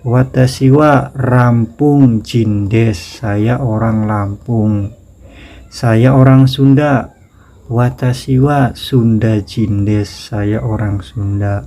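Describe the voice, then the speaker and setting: A man with an Indonesian accent teaching a casual grammar lesson, slowly repeating example sentences. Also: mid-range voice, steady tone, warm tone. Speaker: Japanese language teacher.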